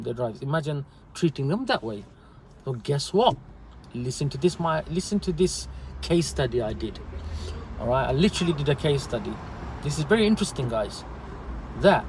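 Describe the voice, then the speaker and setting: A man's voice: on the high side, slight background noise, poor audio. Earnest man giving street-side advice. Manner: earnest, repetitive, animated storytelling. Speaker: delivery driver vlogger. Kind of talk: casual livestream advice talk.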